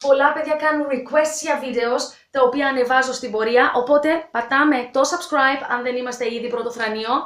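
High-voiced Greek teacher in echoey room. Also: female voice, few pauses, a bit bright. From Greece. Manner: chatty, direct, addresses viewers as kids. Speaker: English teacher and channel host. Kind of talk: casual video lesson to camera.

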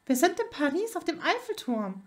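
Casting: aufgeregte junge Hexe, von einer Frau gelesen, hohe lebhafte Stimme, Hörbuch. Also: female voice, high-pitched, very animated, normal speed, voice pushed up. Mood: excited. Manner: eager, surprised. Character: excited young witch, schoolgirl. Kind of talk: fan fiction audiobook reading.

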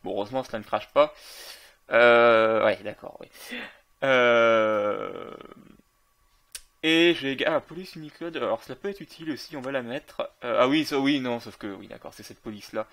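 A gaming video creator talks casually over his gameplay in a medium-pitched, fairly bright voice at a moderate pace. He uses lots of fillers and often corrects himself.

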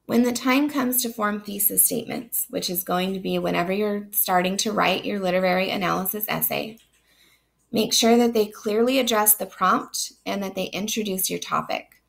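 Woman lecturing with a very gravelly voice. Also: medium pitch. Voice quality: gravelly, strained voice. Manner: explanatory, with frequent ums and soft asides. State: sick, losing her voice. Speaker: literature instructor. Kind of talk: recorded online lecture.

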